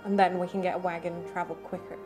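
A woman's voice: lowish voice, little pitch movement, fast, music in the background. A woman playing a tabletop role-playing game, talking in casual in-game conversation.

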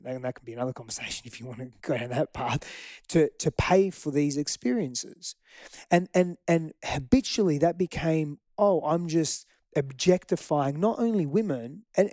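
A middle-aged Greek man, a native Greek speaker, appears as an interview guest and shares his past candidly and earnestly, reflecting aloud with frequent restarts. His voice is slightly high and warm, recorded cleanly in a studio with no room sound.

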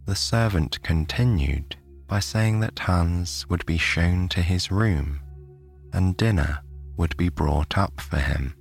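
A British man from the United Kingdom narrating a bedtime sleep story in a soft, soothing way. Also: low voice, slow, vocal fry, faint music behind.

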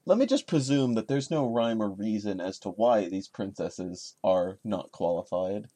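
A man who is a guest on a casual podcast, dropping quick deadpan quips. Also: lowish voice. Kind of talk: casual chat.

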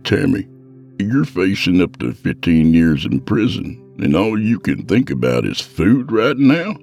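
A man's voice: deep voice, very animated, a little slow, creaky, a little mellow, soft background music, voice pushed up, heavily acted. A man voicing a tired, worried father who pleads with his daughter. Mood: weary. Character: weary worried middle-aged father.

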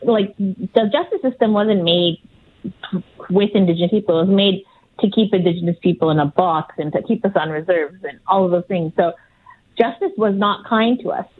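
A woman's voice: medium pitch, normal speed, a little mellow, rough recording. Woman guest explaining a law-school-style course, earnest, lots of restarts, mid voice. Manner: earnest, searching for words with frequent restarts and light laughs. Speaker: legal director, interview guest. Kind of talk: interview answers.

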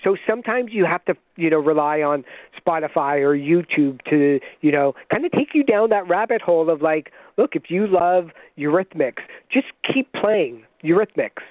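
A man joining a radio talk show by phone, explaining in an enthusiastic, fast way. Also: a little high, animated, no room sound. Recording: tinny phone line.

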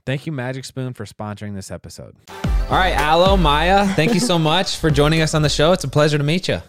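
A man's voice: on the high side, expressive, fairly quick, over music. A man co-hosting a podcast, welcoming guests with enthusiasm. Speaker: podcast co-host.

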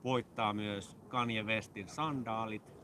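Man hosting in a low, mock-serious voice. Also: fairly even intonation, noisy background. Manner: jokey mock-serious instructions. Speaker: podcast co-host. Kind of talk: casual chat.

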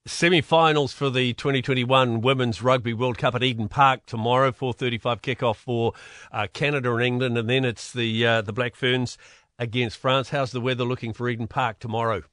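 A man's voice: medium pitch, fairly even intonation, fairly quick, fairly bright tone, no room sound. A man with a New Zealand accent hosting a conversational radio interview in an informal, matey way. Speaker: radio host.

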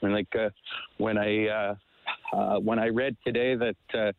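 A man calling in to a sports talk show over the phone, speaking haltingly with many fillers and restarts. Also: fairly low pitch, flat delivery. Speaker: caller. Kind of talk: sports call-in chat. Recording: dry tinny phone line.

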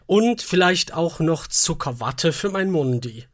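A man's voice: a little high, animated, a little slow. Dry, hesitant young man in casual chat. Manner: dry, hesitant, with many fillers. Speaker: podcast co-host. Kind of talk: casual comedy podcast chat.

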